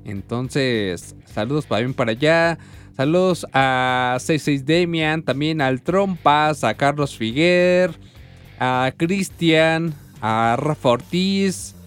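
A man's voice: on the high side, slow pace, clean tone, faint music behind. A man with a Mexican accent co-hosting a live radio show, chatting casually and sending greetings to listeners. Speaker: radio co-host.

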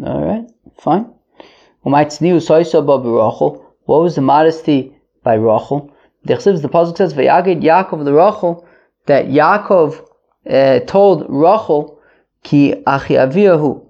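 Creaky-voiced man teaching a text, muffled recording. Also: a little high, a little mellow. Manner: conversational, wry, asking and answering his own questions. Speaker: teacher of religious texts. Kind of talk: informal text lesson, reading phrases and translating them line by line. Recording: dull, muffled lo-fi sound.

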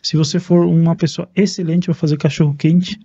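A man from Paraguay, a Spanish speaker, chatting calmly and in a measured way as an interview guest. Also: a little high, breathy edge, highs cut off. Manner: calm, measured speech. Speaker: podcast guest, neurosurgeon. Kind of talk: casual interview talk.

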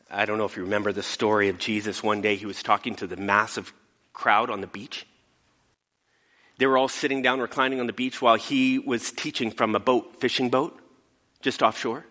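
A male pastor giving a casual sermon, retelling a story in an animated way. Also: on the low side, moderate pace, long pauses, big-room sound. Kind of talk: conversational sermon.

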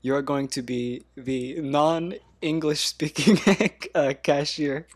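A man's voice: on the high side, slow pace, breathy edge. A man hosting a casual podcast game, explaining with many ums and laughing often. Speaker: podcast host.

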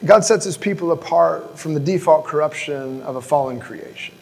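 A male pastor with a high voice delivers a sermon in a casual, conversational manner, moving between scripture reading and loose explanation. His voice carries a long reverb from the church hall. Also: normal speed, vocal fry, darkish tone.

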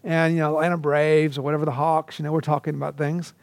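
A middle-aged man from Georgia, teaching a recorded lesson and telling lively stories. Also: fairly high pitch, fast talker, vocal fry, no echo. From Georgia, USA. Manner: animated storytelling with asides. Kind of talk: recorded lecture.

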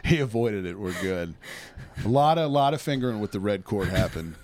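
A man's voice: on the low side, animated, fairly quick, heavy background noise. Profane joking man on a podcast. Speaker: podcast co-host. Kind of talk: casual podcast chat.

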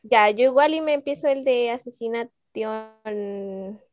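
A young woman with a Chilean accent, co-hosting a casual podcast chat, animated, laughing often and swearing casually. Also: a little high, measured pace, muffled recording. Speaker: podcast co-host.

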